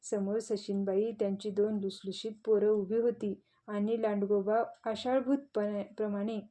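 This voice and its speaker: A woman storyteller reads a children's audio tale with gentle expression. Her voice is very dark and mellow, with an even, mid-height pitch. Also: a little slow. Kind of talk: scripted children's story narration.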